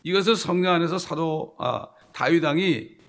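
A man preaching a sermon, emphatic, with sudden loud bursts and rhetorical questions to the congregation. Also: a little high, moderate pace. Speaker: pastor.

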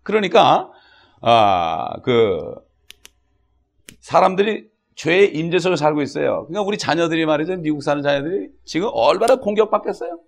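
A middle-aged pastor with a gravelly voice on the high side preaches a sermon at a moderate pace, his pitch swinging widely. He talks conversationally, with frequent asides, and acts out quoted voices and prayers.

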